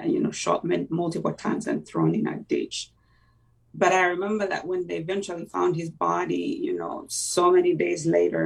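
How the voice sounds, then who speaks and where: A Luganda-speaking guest from Uganda shares a personal faith testimony during an interview, his gravelly, medium-pitched voice halting and reflective. He uses many fillers and restarts. The recording is rough, with the mic far away.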